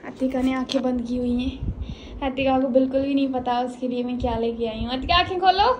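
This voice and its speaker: A woman's voice: high-pitched, a little fast, slight background noise, low-quality recording. A woman hosting a casual vlog, chatting to viewers and often asking if they follow. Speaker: vlog host.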